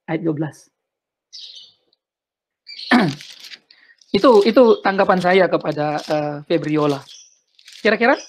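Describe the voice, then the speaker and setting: Over dull, lo-fi video call audio with a little hiss or hum, a high-pitched man answers questions in an earnest, sermon-like way. He repeats words and slips in English phrases.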